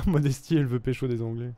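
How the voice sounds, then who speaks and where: Mellow-voiced man with an Auvergne accent. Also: mid-range voice, lively intonation, fairly quick, no echo. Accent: Auvergne French. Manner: joking, reads chat messages aloud. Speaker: streamer host. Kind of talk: casual live-stream chat.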